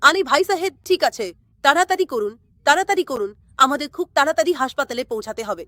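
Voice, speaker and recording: Animated high woman voicing a doll story. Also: fast talker, no echo, studio quality. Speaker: doll story narrator and voice of the girls. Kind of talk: dolls story cartoon voicing.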